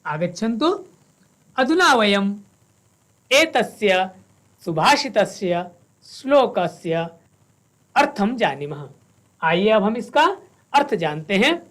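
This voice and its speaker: A woman teaching a Sanskrit lesson, reciting verses slowly and spelling out each syllable. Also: medium pitch, big pitch swings. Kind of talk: classroom lesson with slow recitation.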